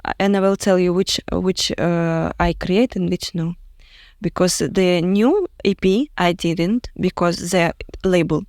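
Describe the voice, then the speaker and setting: A woman from Russia with a Russian accent, speaking English as a second language and often pausing to search for words as an interview guest. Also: on the low side, a little mellow, dry recording, clean studio sound. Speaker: guest musician. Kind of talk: casual interview chat in English.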